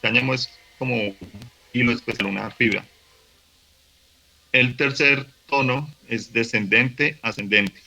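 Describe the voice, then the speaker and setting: A man teaching a workshop lesson, explaining patiently with fillers and restarts, slowing down to demonstrate syllables. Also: medium pitch, vocal fry, bright, forceful tone, low-quality recording. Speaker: language teacher. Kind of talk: recorded online workshop lesson.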